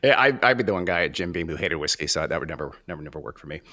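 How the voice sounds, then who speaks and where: A man's voice: deep voice, expressive, very fast, pushed and bright. Casual man hosting an interview. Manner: friendly, casual, asks questions. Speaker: podcast host. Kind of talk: conversational interview.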